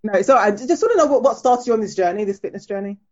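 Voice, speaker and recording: A woman's voice: medium pitch, lively intonation, very fast, a little mellow. A British woman interviewing as host in an encouraging, effusive way, on a slightly dull-sounding remote call. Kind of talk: casual interview.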